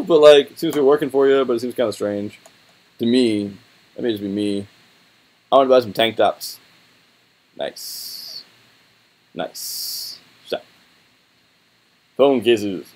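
A young man thinking aloud in a casual, laid-back and slangy way as he reviews what is on his screen. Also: mid-range voice. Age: young adult. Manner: informal, rambling, laid-back slangy talk. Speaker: website reviewer. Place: small room indoors.

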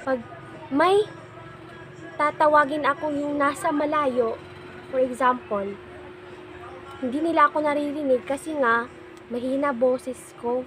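A young woman chats casually to her viewers in a small, soft, high voice, unhurried and giggly. The recording carries clear background noise. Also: fairly even intonation. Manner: giggly, laughs often. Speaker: vlogger. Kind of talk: casual chat.

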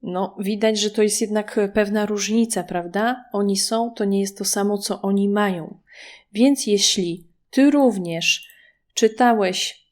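A woman with a Polish accent teaching French in a slow, patient lesson, drawing out the words for learners to repeat. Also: medium pitch.

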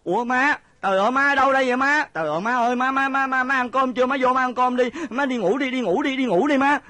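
An actor playing an anxious, fretful young servant son in a Vietnamese reformed opera, pleading with comic stammering, with a southern Vietnamese accent. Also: male voice, extremely high pitch, fast, no echo. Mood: distraught. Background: loud stage music.

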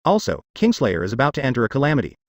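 A man voicing a calm, all-powerful immortal lord who speaks in an unhurried, assured way. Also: mid-range voice, no echo, clean studio sound.

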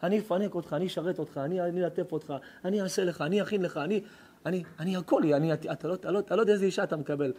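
A man voicing a soft, pleading bride-to-be. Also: high voice, husky. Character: pleading young bride-to-be woman.

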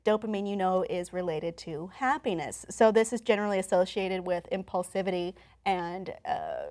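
A young woman co-hosts a talk show, presenting conversationally from notes in an indoor, TV-style studio. Her voice is on the low side and a little mellow, with big pitch swings at a moderate pace.

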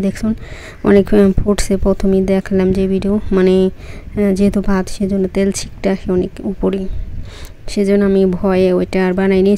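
A woman's voice: mid-range voice, mellow, a little hiss or hum. A woman casually talking viewers through a recipe as she cooks, loose and chatty, often circling back to repeat herself. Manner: chatty, loose, fillers and restarts while cooking. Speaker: cooking vlogger. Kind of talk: casual cooking demonstration.

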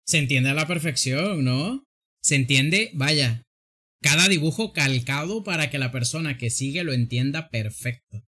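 A man's voice: a little high, measured pace, bright, forceful tone. A man streaming a drawing game, joking, exclaiming and laughing often. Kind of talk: casual gameplay commentary.

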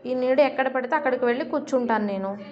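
A woman doing a calm, clever man. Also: sits high, fast talker, lightly acted. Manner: calm and even. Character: calm clever man, quietly sure of himself. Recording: dull lo-fi recording.

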